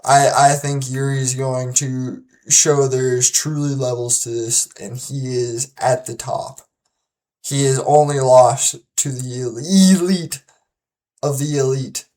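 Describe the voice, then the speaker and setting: The host of a fight-prediction channel offers relaxed solo commentary and predictions at a middle pitch, drawing out an unhurried delivery. The speech is loose, with frequent restarts and repeated words, turning confident and emphatic whenever a prediction comes.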